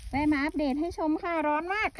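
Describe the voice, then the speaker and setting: A woman's voice: sits high, slight background noise. A woman mushroom farmer chatting casually in a vlog, explaining tips and exclaiming over her harvest outdoors in the hot sun. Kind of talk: casual farm vlog talk.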